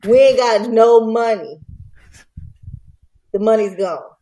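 A woman's voice: fairly high pitch, takes it slowly, mellow. Woman doing a frantic, bossy hustler guy. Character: panicked male hustler, boastful, high on cocaine.

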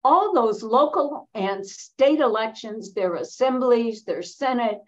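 An elderly American feminist activist, seventies or older, speaks as an interview guest in a slightly high, animated voice. She is reflective, emphatic and deliberate, pausing partway through sentences, with the recording sounding a little dull.

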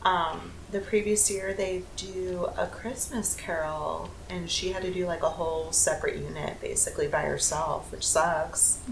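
Low-voiced gravelly woman, relaxed chat. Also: normal speed, few pauses, a little hiss or hum, low-quality recording. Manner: relaxed, chatty, reacts with laughs and gasps. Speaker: podcast co-host, teacher. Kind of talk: casual chat.

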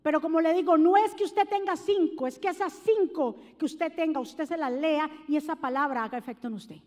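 Brief: high-pitched woman preacher, shouting then hushed, echoing church hall. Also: a little fast. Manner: swings from loud shouting to low murmurs, acts out quotes. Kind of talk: impassioned sermon.

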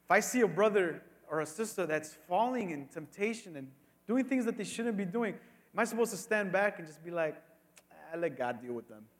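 Male preacher, high register, emphatic and conversational sermon delivery, long room reverb. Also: brisk. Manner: emphatic, with rhetorical questions and repeated phrases; colloquial asides, acting out dialogue. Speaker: pastor preaching.

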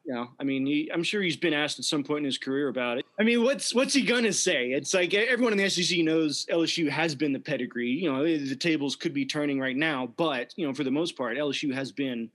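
A man co-hosting a casual sports chat, opinionated and wry, getting animated at times. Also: fairly high pitch, fast talker, hardly any pauses. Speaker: podcast co-host.

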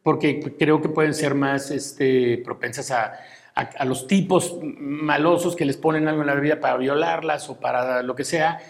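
A man's voice: fairly high pitch, steady tone, moderate pace, creaky. A middle-aged man with a Mexican accent, a guest giving frank, fatherly advice in casual conversation. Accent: Mexican Spanish. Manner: frank, fatherly, full of filler tags.

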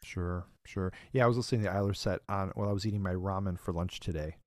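A man's voice: deep voice, fairly even intonation, fast talker, noisy background. A man hosting a podcast, asking long, loose questions and laughing easily. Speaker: podcast host. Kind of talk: casual interview.

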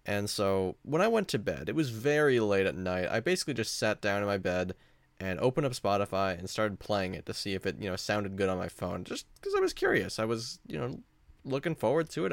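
A man with a deep, creaky voice hosts a casual solo podcast, rambling along in a conversational, self-deprecating way. The recording has no echo.

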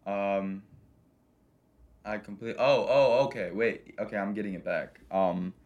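A man's voice: lowish voice, fairly even intonation, a little slow, darkish tone, highs cut off. A young adult man co-hosting a casual podcast in a garage, talking in an informal, bro-ish way. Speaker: podcast co-host.

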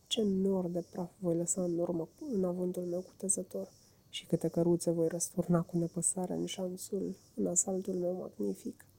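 A woman's voice: fairly low pitch, creaky, mellow. A woman voicing a dreamy male toad obsessed with motorcars, murmuring in a rapt, entranced way for a storybook reading.

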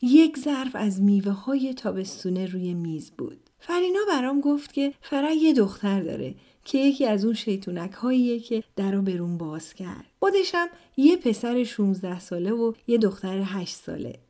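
A woman reads her memoir aloud at an even, calm pace. Her voice sits in a middle register with a dark, mellow tone. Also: mid-range voice. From Iran. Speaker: narrator. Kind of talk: first-person memoir narration.

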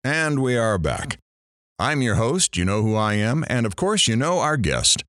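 A man's voice: medium pitch, very animated, unhurried, a bit bright, no room sound, clean studio sound. A man playing a talk show host, brash and teasing, hamming up each surprise.

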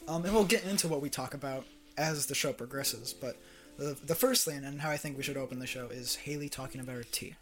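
A man's voice: mid-range voice, fast talker, a bit bright, soft background music. A young man hosting a casual podcast chat, rambling with fillers and laughing often. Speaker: podcast host.

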